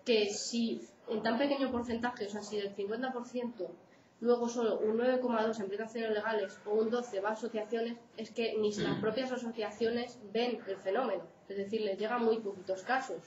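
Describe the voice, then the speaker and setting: A woman's voice: fairly high pitch, steady tone, moderate pace, darkish tone. A woman psychologist from Spain giving an informal lecture in a conversational way, checking in with her audience. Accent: Spain Spanish. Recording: roomy, dull lecture recording.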